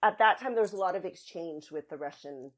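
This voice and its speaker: A middle-aged woman, a dance academy's artistic director, talks as a podcast guest in a lowish, expressive voice at a brisk clip. She explains things conversationally, thoughtful and searching for words, and her first language is English. The recording is rough.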